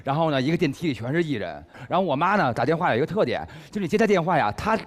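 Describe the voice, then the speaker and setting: A man telling a comedic anecdote on a variety talk show, animated and stammering over his restarts. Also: fairly high pitch, very fast.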